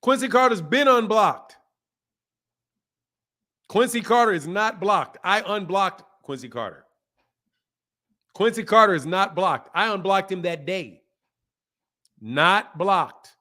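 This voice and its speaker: A boxing channel host in his 50s chats casually on a live stream, reading comments and animatedly talking back to chat. He repeats himself for emphasis and laughs often. His voice sits high, and he speaks slowly with frequent pauses.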